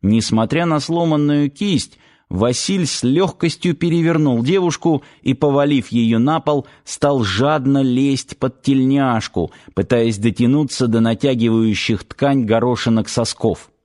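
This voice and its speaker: A man reading an audiobook aloud in a steady, tense storytelling manner. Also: mid-range voice, a little slow. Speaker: audiobook reader. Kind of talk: dramatic audiobook narration.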